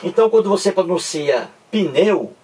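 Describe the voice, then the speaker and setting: A male teacher explains a grammar point slowly and patiently, his voice lively in pitch and a little husky. He keeps checking that his listeners follow, and he sounds distant from the microphone. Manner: slow, repetitive, checks understanding with the class. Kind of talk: grammar lesson.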